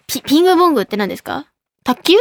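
A young woman hosting a casual radio show, giggly and excitable as she reads listener emails. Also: sits high, rapid-fire, no room sound. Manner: giggly, excitable, playful self-mockery. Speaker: radio host.

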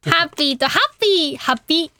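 A young woman hosting a radio show, reading listener letters in casual chat, bubbly and giggly, sometimes shouting catchphrases. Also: sits high, lively intonation, quick pace, no echo.

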